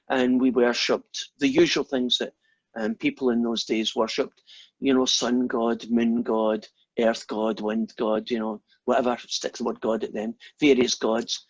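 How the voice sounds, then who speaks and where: This man from Scotland, a Scots speaker, lectures in maths with a mid-range voice that has a breathy edge. In a relaxed class, he wanders into rambling stories that poke fun at himself. The audio is dry and dull.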